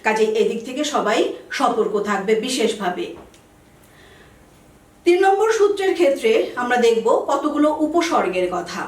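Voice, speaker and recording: A woman's voice: fairly high pitch, very animated, moderate pace, pauses often, roomy sound, recorded from a distance, rough recording. A woman teacher explaining spelling rules to students, carefully listing example words one by one and stressing key points.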